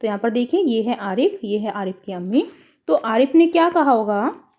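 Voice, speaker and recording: A woman's voice: a little high, expressive, moderate pace, mellow. A woman teacher explaining a worksheet to children, spelling words out syllable by syllable and calling her pupils "beta".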